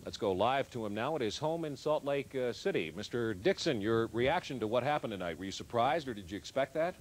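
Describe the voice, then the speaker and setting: A man anchoring an election night news broadcast, questioning guests in a measured way. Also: mid-range voice, lively intonation, slight background noise.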